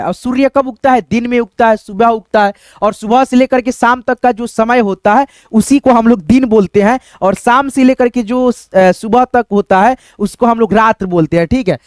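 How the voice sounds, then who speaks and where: A man with a very high voice, recorded cleanly in a studio with no echo, teaches English spelling and sounds to beginners in what is framed as a Hindi spelling lesson for beginners. He repeats himself, keeps calling his listeners "friends," and poses questions only to answer them himself.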